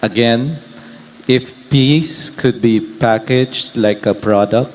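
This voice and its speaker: A middle-aged man formally reading a question as a pageant judge, deliberately and clearly, into a handheld mic. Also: mid-range voice, poor audio. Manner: deliberate, repeats for clarity. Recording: live event mic, faint venue noise.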